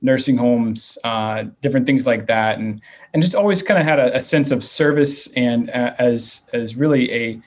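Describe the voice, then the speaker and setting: A man in his thirties from the Virginia / West Virginia area, a nonprofit leader, answers interview questions hesitantly with many fillers and restarts. His voice is medium-pitched and moderately paced.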